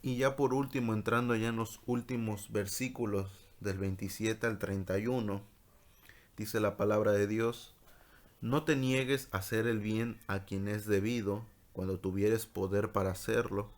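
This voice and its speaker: A man, a pastor, giving a sermon-style Bible study, reading scripture in a slow, measured way and explaining it. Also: on the low side, steady tone.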